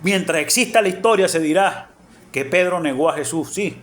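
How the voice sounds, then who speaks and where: A man's voice: a little high, normal speed, a bit bright. A man preaching an earnest storytelling sermon, emphatic and fond of repeating his phrases. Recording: faint background music.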